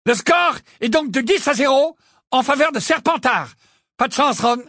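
A man voicing an excitable young male sports commentator in an audiobook, calling the play fast and cheering his team on. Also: very high-pitched, no room sound, studio quality, pitched above the performer's own voice, exaggerated voice. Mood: excited. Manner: rapid, breathless play-by-play, cheering. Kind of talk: audiobook character voice.

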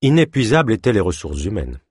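A man narrating a novel as an audiobook in a measured, expressive manner. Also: lowish voice, breathy edge, no room sound, clean studio sound. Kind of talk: audiobook reading.

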